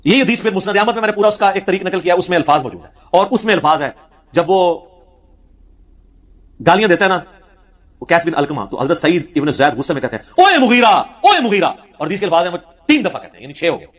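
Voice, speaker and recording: A man giving a religious lecture on hadith, telling the stories vividly and acting out the quoted speech. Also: sits high. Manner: animated storyteller who acts out quoted speech. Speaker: Islamic preacher.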